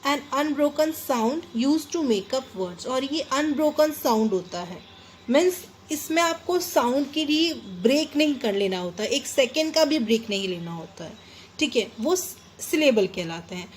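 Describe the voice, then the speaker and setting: High-voiced Indian woman teaching grammar. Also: animated, a little hiss or hum. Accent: Indian English. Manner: explains slowly in English, then quickly in Hindi; stresses each example word loudly. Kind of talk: classroom lesson.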